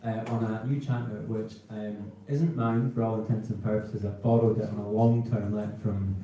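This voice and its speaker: A very reverberant live hall recording of a man with a soft-toned, mellow voice and a Hebridean Scottish accent. He rambles casually between tunes as a performing piper, picked up from some distance. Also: fairly low pitch, steady tone, normal speed, muffled recording, a little hiss or hum. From North Uist, Western Isles, Scotland. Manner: hesitant, rambling, informal. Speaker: folk piper introducing his set on stage. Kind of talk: casual, chatty between-tunes stage talk. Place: indoor concert hall, on stage. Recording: echoey hall, distant live concert pickup.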